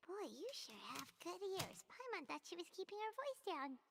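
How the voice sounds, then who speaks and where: A tiny, chatty fairy companion from a video game, squeaking along in a very high voice that leaps all over. She fumbles and talks about herself in the third person. Game audio with a long reverb tail. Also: sing-song, a little slow, gravelly, fairly bright tone, slight background noise, exaggerated voice. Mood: chirpy, fidgety.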